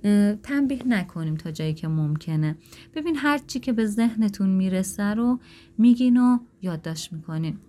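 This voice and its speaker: A woman's voice: medium pitch, lively intonation, dark tone. A woman giving direct, coaching parenting advice to listeners, at times acting out sample lines between spouses. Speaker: parenting advisor.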